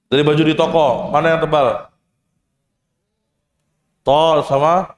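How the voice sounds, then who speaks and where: A man's voice: a little high, steady tone, slow. A man teaching Quran recitation, asking the class questions, demonstrating sounds, adding casual jokes. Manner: casual, joking asides. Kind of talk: tajwid lesson to students. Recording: echoey hall with long reverb.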